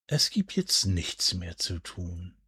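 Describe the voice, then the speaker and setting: Very slow, low, breathy hypnosis man. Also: big pitch swings, dry recording. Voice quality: breathy, soft, at times near a whisper. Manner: soothing, hushed, deliberate, with drawn-out pauses. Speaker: hypnosis and relaxation guide. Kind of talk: guided sleep hypnosis, scripted narration.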